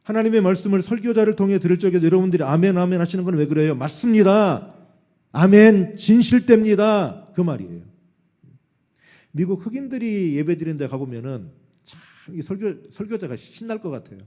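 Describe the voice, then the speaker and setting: A middle-aged male pastor delivers a sermon in a church sanctuary, with a slightly raised pitch but a deep, very dark and mellow tone. He moves between loud, ringing calls and quiet, low asides. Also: lively intonation, fast.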